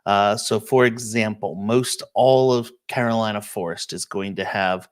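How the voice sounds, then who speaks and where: His voice sits on the low side, steady and unhurried. During an informal live stream, this real estate agent tours listings and takes viewer questions, explaining casually with many "um"s and frequent "okay?" check-ins.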